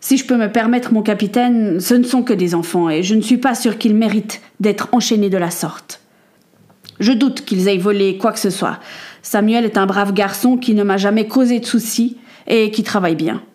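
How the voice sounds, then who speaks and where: A woman voicing a calm, polite male ship carpenter who speaks softly. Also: mid-range voice, normal speed, close to an everyday voice.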